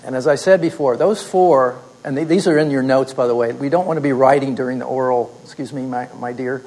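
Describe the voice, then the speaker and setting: A man's voice: medium pitch, brisk, darkish tone, rough recording. A man teaching a class, leading students through a story step by step by asking questions and answering them himself. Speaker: instructor.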